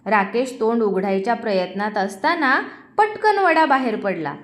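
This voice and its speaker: Lively high-voiced woman storyteller. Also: moderate pace. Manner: lively, expressive reading. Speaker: children's storyteller. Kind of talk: storybook narration for children.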